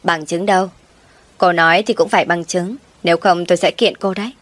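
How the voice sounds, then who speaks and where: A woman voicing a cold, mocking middle-aged stepmother in a told story, with a fairly low voice. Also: fairly even intonation, a little fast, no echo, close to an everyday voice.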